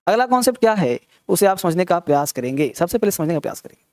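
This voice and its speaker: A man's voice: high-pitched, sing-song, racing, a little mellow, dry recording, clean studio sound. A man teaching an English grammar class, teasing and scolding his students as he quizzes them with rhetorical questions. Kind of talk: classroom lecture.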